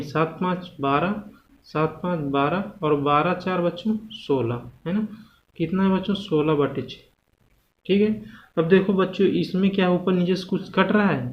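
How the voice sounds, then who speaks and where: A man teaches a maths lesson to children. He asks them questions, answers them himself, and slows down to stretch out the numbers. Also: on the high side. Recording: dull, lo-fi home recording with faint background hiss.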